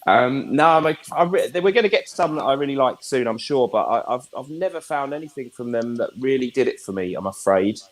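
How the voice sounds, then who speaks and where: A man's voice: mid-range voice, lively intonation, brisk, hardly any pauses. Male guest, hesitant, apologetic, video call. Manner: hesitant, apologetic, many fillers. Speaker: guest reviewer. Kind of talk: casual group chat.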